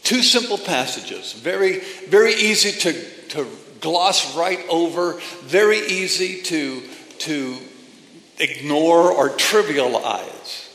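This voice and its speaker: Guy preaching in a church, pausing a lot, booming echo all around. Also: lively intonation, a bit bright. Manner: emphatic preaching, pausing between phrases. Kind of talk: sermon. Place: church or meeting hall. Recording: echoey hall from a distance.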